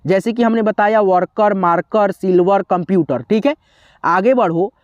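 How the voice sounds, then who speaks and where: A woman teaching a lesson, spelling words out slowly letter by letter and quizzing the listener. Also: mid-range voice, a little mellow, no echo, lo-fi sound. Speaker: English teacher. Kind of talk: classroom-style spelling lesson.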